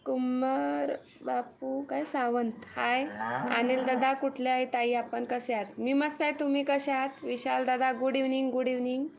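High-voiced woman greeting live viewers. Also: level tone, moderate pace, vocal fry, lo-fi sound, slight background noise. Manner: greets viewers one by one, reads comments aloud, repeats thanks. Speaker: live-stream host reading viewer comments. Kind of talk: casual live-stream chat. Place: farm home with cattle shed nearby.

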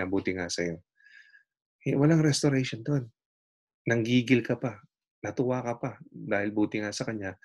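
Husky-voiced preacher. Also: male voice, fairly low pitch, rough recording. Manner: mixes in English, asks the listeners questions again and again. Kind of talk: sermon.

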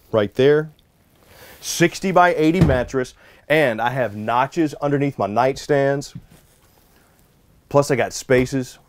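A man in his forties talks through a casual walkthrough tour with jokey, upbeat salesman patter. His voice sits at an ordinary middle pitch. He is recorded close up inside a small travel trailer. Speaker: RV reviewer.

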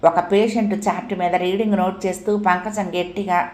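A woman narrating a story audiobook in a measured, expressive reading voice. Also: fairly low pitch, roomy sound.

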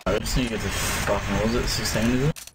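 A man's voice: on the low side, steady tone. A young Australian man in a casual gaming voice chat, calling out plays and swearing. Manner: quick game callouts, swearing. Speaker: gamer in voice chat. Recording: noisy voice chat with gunfire behind.

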